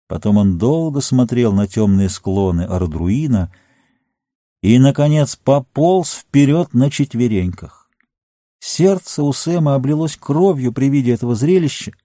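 A man reading a fantasy novel aloud as an audiobook narrator, measured and slowing on grim passages. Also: medium pitch, dark tone, no room sound, studio quality.

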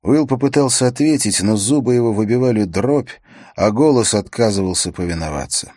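A man reading an adventure novel aloud as an audiobook narrator, in a measured, steady storytelling manner. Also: fairly low pitch, no echo, clean studio sound.

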